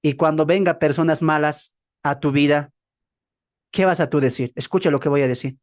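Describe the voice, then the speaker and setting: A man preaching a Bible class sermon, asking the audience questions and acting out both sides of dialogues with changing pitch and pace. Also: fairly even intonation, moderate pace. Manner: dramatic, acts out dialogues with shifts in pitch and pace; asks the audience rhetorical questions. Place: church hall, also streamed on a video call.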